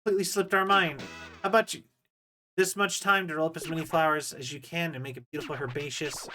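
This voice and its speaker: A woman's voice: deep voice, steady tone, fast, bright, forceful tone. A woman voicing pompous, flowery royal characters while reading video game dialogue aloud on a livestream. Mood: grand, theatrical. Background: game music.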